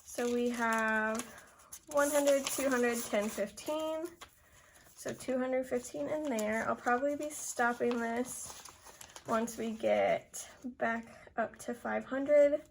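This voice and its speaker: A woman's voice: a little high, slow pace, creaky, a little hiss or hum, poor audio. A young woman, slightly out of breath, narrating a task casually and counting amounts aloud step by step. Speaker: budgeting video host.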